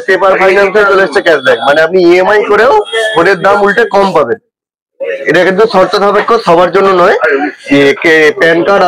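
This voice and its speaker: Male shop representative, West Bengal accent. Rapid, unscripted interview explanations, slightly raised pitch. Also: low-quality recording.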